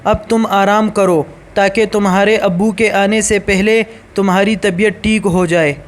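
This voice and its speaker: A worried mother, read by a high-voiced man. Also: steady tone, natural voice. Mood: pleading. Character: worried mother consoling her daughter.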